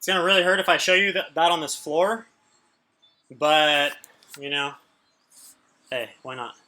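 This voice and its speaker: A man's voice: a little high, measured pace, sharp tone. A man coaching a home workout on a casual livestream, chatting informally with viewers and giving instructions. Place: indoors at home.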